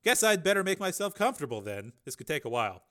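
Older priest, wry, droll, easygoing, bright voice, a man putting him on. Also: on the high side, sing-song, fast talker, voice pushed up. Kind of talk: audiobook dialogue.

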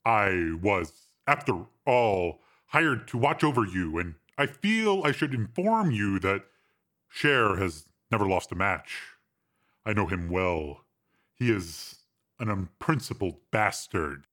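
A man's voice: very animated, fairly bright tone, heavily acted. A man doing a cool, formal bodyguard. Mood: composed. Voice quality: deep, measured, formal. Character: cool formal male bodyguard, precise and measured.

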